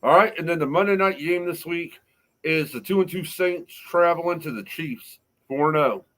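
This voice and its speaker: A man's voice: on the high side, moderate pace, fairly bright tone, poor audio. A man hosting a casual sports podcast, rambling through picks and a story while laughing often. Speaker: podcast host.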